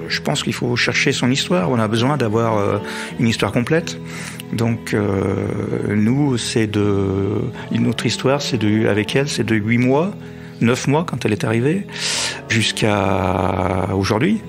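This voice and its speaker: An older man speaking as an adoptive father in an interview, hesitant, with many pauses. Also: lowish voice, gravelly. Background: soft music.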